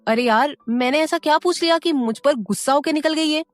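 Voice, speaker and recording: A woman's voice: high-pitched, brisk, no echo, pitched above the performer's own voice, natural voice. Woman reading Neel, a teasing young man. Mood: baffled. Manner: teasing, easygoing banter. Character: young man, playful, teasing medical student.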